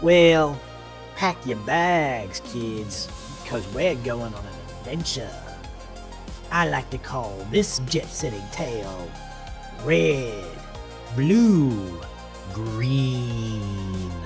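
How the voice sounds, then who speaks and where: A man's voice: medium pitch, expressive, drawn-out words, raised voice, over music. A man playing a gleeful, menacing horror-host uncle in an audio drama, with a hammy, folksy drawl. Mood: gleeful showmanship. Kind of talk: theatrical 80s horror-host introduction.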